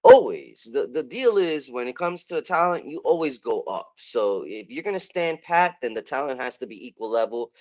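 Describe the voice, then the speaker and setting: A man's voice: medium pitch, lively intonation, moderate pace, hardly any pauses, highs cut off. A man co-hosting a sports podcast, giving emphatic, opinionated takes. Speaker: podcast co-host. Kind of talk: casual sports chat.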